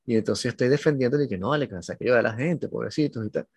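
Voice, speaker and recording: Gravelly-voiced Venezuelan man telling a story. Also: medium pitch, racing, no echo. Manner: animated, swears casually. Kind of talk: casual chat, storytelling.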